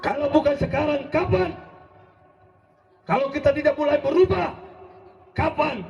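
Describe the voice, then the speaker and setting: A man preaching an impassioned sermon, rousing and often shouting as he addresses his listeners directly. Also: very high voice, steady tone, brisk, gravelly. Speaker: preacher and legal consultant. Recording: dull lo-fi recording.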